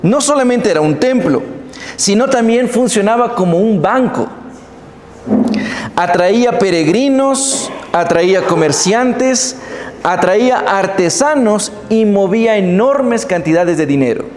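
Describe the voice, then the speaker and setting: A man preaching a sermon in a church, telling the story with animated emphasis and speaking straight to the congregation. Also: high-pitched, measured pace, a little hiss or hum. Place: church hall. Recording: echoey church hall.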